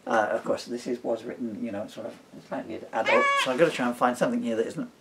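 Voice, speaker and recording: Speaking fast in a mid-range voice over heavy background noise, a middle-aged British father who writes and performs on stage reads from his comic work. He chats casually between passages, wandering off on playful tangents, recorded through a camera mic.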